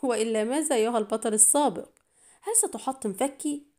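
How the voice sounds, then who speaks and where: A woman's voice: a little high, big pitch swings, fast, darkish tone. Sneering villain agent, as a woman reads him. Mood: mocking. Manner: mocking, taunting. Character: sneering tall lean male villain agent.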